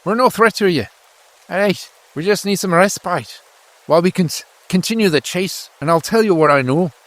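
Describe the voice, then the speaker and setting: A man's voice: high voice, expressive, normal speed, a bit bright, voice pushed up. A man voicing a soldier leader who earnestly pleads for food and shelter. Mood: pleading.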